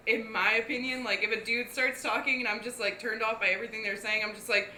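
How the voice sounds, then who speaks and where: A young woman in easy podcast conversation, blunt and loose with swear words, her speech full of "like". Her voice is fairly high and bright. The room echoes around her, with a faint hum of ambience. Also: fairly even intonation, fast talker. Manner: blunt, swears freely, peppered with "like". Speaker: podcast guest. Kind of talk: casual chat.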